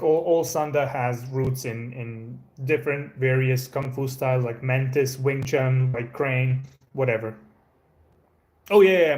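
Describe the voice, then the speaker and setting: Indoors at home, a Croatian man chats casually with viewers on his live stream in a mid-range, darkish voice. A native Croatian speaker, he has an American-sounding English accent. He rambles in a laid-back way, with many fillers and restarts.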